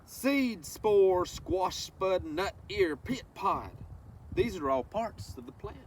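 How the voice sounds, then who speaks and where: A man presenting a children's read-along reads a picture book aloud in a high-sitting, very animated voice, taking his time. He addresses the kids directly, teaching them with folksy asides and questions. He is recorded a bit far from the microphone, with faint background noise.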